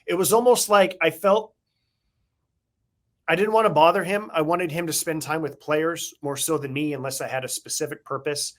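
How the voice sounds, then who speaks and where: A middle-aged man talks at an easy conversational pace, looking back on old memories. His voice sits a little high for a man. He tells his stories casually and reflectively, with long anecdotes. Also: fairly even intonation. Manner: reflective, nostalgic, drawn-out anecdotes. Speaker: podcast co-host, former baseball beat writer.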